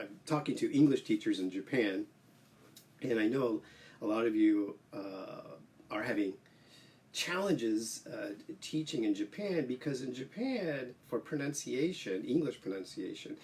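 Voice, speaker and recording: A man hosting a casual solo livestream as an English teacher, explaining slowly with many "uh" fillers. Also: on the low side, a little mellow, far from the mic.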